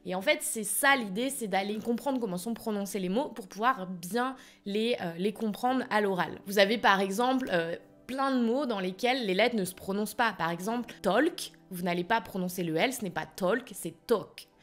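A French woman who founded a language school, teaching in an energetic, upbeat way and speaking directly to her viewers. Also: medium pitch, fairly quick, faint music behind. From France. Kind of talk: teaching video, direct to camera.

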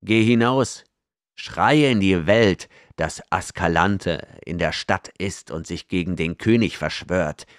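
A man's voice: low-pitched, steady tone, measured pace, hardly any pauses, a bit bright, dry recording, studio quality. A man voicing a scheming, arrogant male outlaw noble in an audiobook, cold and domineering. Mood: threatening. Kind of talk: audiobook character reading.

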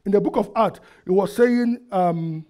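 A middle-aged man, preaching a sermon into a headset mic in a church hall, asking the congregation questions and swinging between loud and quiet. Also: high-pitched, a little slow. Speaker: pastor. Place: church hall with projector screen, indoors.

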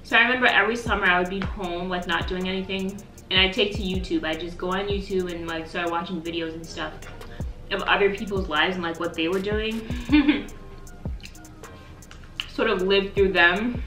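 Here the same kind of casual mukbang chat comes from a young U.S. woman in her twenties, a YouTuber eating on camera on the floor by her sofa and peppering her talk with "like". She speaks at a moderate pace in a sharp, medium-pitched voice. The tripod camera sits at a distance, so the audio is poor and echoey, with soft music in the background.

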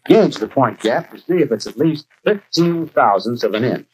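An American actor playing a brisk garage expert, giving didactic scripted instruction in a 1940s training film. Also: male voice, mid-range voice, expressive, darkish tone, close to an everyday voice. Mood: instructive. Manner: didactic, clearly explanatory. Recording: noisy 1940s film soundtrack.

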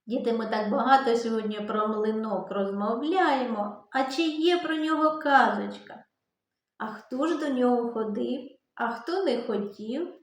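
A woman teaching a lesson to children, speaking gently to them. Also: on the high side, a little slow. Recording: very echoey room.

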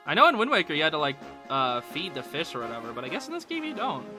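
A young man hosting a game channel, narrating his play in excitable, slangy commentary from a home room at night into a close mic. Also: a little high, fast talker, over music. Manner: excitable, slangy, bursts into yelling. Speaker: gaming channel host. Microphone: close desk mic.

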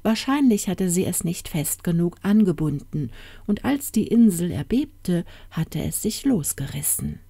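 Slow, calm woman reading fairy tales. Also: fairly low pitch, vocal fry, breathy edge, dry recording. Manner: calm, soothing storytelling. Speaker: audiobook narrator.

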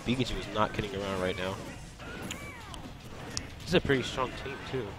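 This esports commentator is a young man whose voice sits lowish and moves a little fast. Loose and chatty, he laughs between plays and responds to chat, all over loud game music.

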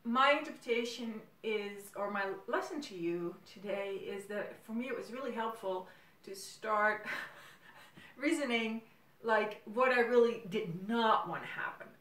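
Speaking in a mid-range, unhurried, slightly bright voice, a native Dutch woman from the Netherlands in middle age muses hesitantly to camera for her casual video series. The casual monologue is recorded indoors in a small room at home by a camera microphone several feet off, giving a roomy, distant sound.

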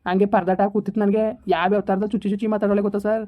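A woman playing an aggrieved husband who rapidly complains about his wife in a village family drama. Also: mid-range voice, little pitch movement, natural voice. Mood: bitter. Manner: rapid, complaining, pleading to an officer. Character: aggrieved middle-aged husband, bitter toward his wife. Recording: dull lo-fi recording.

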